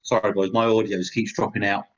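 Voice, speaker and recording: A man's voice: lowish voice, little pitch movement, fast, dull audio. A man on a remote call whose audio keeps cutting out, apologetic as he catches up during a card game. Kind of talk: casual game chat over a call. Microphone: remote call microphone.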